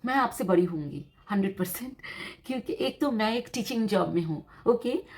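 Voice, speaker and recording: A woman's voice: mid-range voice, lively intonation, moderate pace, a little mellow. A woman giving a tarot reading to her viewers in a teacherly, explanatory way, repeating her points and mixing in English terms. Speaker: tarot reader.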